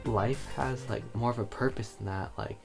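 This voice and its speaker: A man talking to camera in a motivational vlog, earnest and reflective, sometimes a bit halting. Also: medium pitch, vocal fry, music in the background. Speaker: vlogger.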